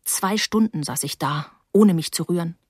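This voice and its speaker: A woman narrating a first-person story in a measured, quietly dismayed way. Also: lowish voice, breathy edge, no echo, studio quality. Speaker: audiobook narrator.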